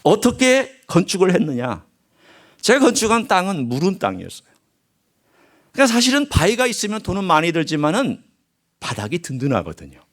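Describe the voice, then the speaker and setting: A male pastor preaching a sermon in church, swinging from loud emphasis to hushed asides and acting out quoted voices and dialect. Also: high voice, huge pitch swings, fairly quick. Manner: acts out quoted speech and regional dialect phrases. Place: church sanctuary.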